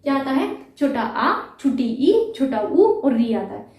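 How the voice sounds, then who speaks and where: Her high-pitched voice swings widely in pitch, unhurried and darkish in tone. She leads a Hindi grammar lesson for exam prep, posing questions to the class, answering them herself, and patiently repeating key terms, captured from far away in an echoey space.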